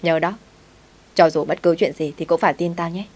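A woman's voice: fairly low pitch, steady tone, brisk, darkish tone, natural voice. A woman voicing a brusque young man, the master of a rich house, curt and teasing with his servant.

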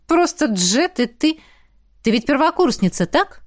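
A woman reading aloud voices a blunt, teasing young woman fighter in a storybook, speaking loudly and mockingly. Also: sits high, sing-song, measured pace, voice pushed up.

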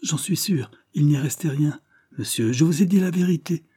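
A man's voice: on the high side, normal speed, mellow, husky, no echo, clean studio sound, pitched above the performer's own voice. A man voicing a sly, ragged young boy who pleads and wheedles. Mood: pleading.

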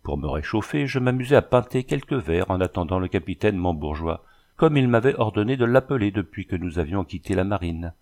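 A man reading an adventure novel aloud with a lively, dramatic delivery. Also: deep voice, fairly quick. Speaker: audiobook reader. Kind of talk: storybook narration.

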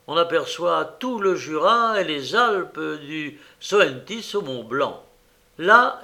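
Man reading a spooky short story, slow and deliberate, kinda high voice for a guy. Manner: measured, expressive storytelling. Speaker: audiobook reader. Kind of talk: scripted narration of a fantasy short story.

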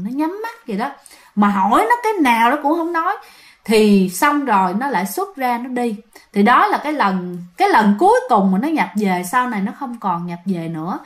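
Chatty woman storyteller. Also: fairly high pitch. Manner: chatty, addresses listeners directly, many fillers. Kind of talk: casual ghost-story telling.

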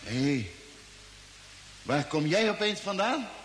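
In a Dutch radio drama, a male actor plays a bewildered, agitated astronaut lost on a strange planet, speaking haltingly and full of questions. His high, fairly bright voice swings widely in pitch, and the performance is heavily acted. There's slight background noise.

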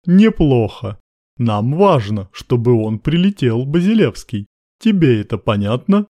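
A man's voice: medium pitch, very animated, unhurried, mellow, dry recording. A man voicing a cool, commanding male major with dry irony in an audiobook. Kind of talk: audiobook narration.

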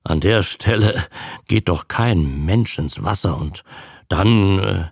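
A man's voice: low-pitched, lively intonation, takes it slowly, vocal fry, slightly rough, no echo, studio quality, voice pushed down, heavily acted. A man voicing an uneasy, superstitious innkeeper who speaks hesitantly and fearfully.

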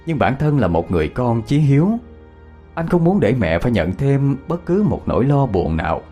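Male ghost-story narrator, very lively delivery, soft music bed. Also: mid-range voice, normal speed, breathy edge. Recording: faint background music.

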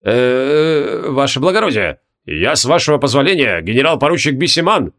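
A man's voice: mid-range voice, big pitch swings, moderate pace, fairly bright tone. A man voicing a timid, stout older general who addresses his superior deferentially.

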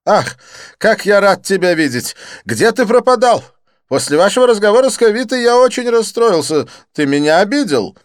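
A man voicing an excitable, theatrical, quick-tempered gossip in an audiobook, with a shrill, exclamatory, huffy delivery. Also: no room sound, clean studio sound. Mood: effusive, gossipy. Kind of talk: audiobook character voice.

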